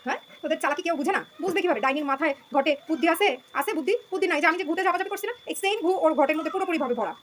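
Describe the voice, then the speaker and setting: A woman's voice: extremely high pitch, racing, few pauses, slight background noise. A young adult woman delivering a sarcastic, taunting monologue straight at someone, mocking and scolding. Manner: mocking, taunting, direct address. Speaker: vlogger venting about family. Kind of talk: sarcastic monologue with sung lines.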